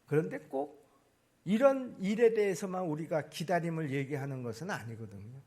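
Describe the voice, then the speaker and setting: A man preaching a sermon to a church congregation, swinging between loud emphatic lines and quiet asides. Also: on the high side, lively intonation, moderate pace. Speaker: pastor. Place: church sanctuary.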